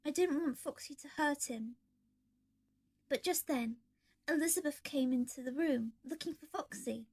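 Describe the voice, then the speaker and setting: A woman reads her own fan story aloud in the first person. The voice is high and clear. She keeps an earnest storybook tone. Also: measured pace, a little mellow.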